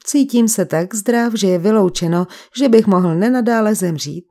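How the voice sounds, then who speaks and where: A woman's voice: medium pitch, warm tone, lightly acted. A woman voicing a wary, plain-spoken male patient in a sanatorium, in an audiobook. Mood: resolute. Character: male sanatorium patient, uneasy then bold.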